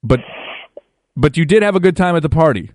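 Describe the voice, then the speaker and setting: A male radio host chatting casually with callers, teasing and joking in quick banter. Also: fairly high pitch, lively intonation, darkish tone, dry recording. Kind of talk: casual call-in radio chat.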